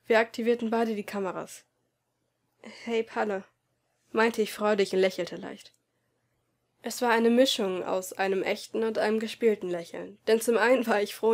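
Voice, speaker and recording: A woman narrates a first-person story in a soft, subdued voice, often sinking toward quiet. Her reading stays emotional and earnest, with an ordinary mid-range pitch. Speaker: audiobook reader.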